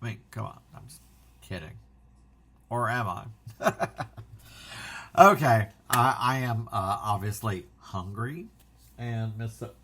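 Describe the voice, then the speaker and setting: A man hosting a casual vlog, talking in an excitable, rambling way and interrupting himself often. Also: on the low side, slow pace, long pauses, slight background noise. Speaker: physical media channel host.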